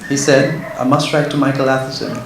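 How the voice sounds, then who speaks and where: A man's voice: mid-range voice, little pitch movement, a little fast, vocal fry. Nervous man speaking in an echoey hall. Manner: nervous, earnest. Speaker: author giving a speech. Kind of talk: prepared literary talk read to an audience. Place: echoey indoor event venue. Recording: very echoey hall, faint background noise.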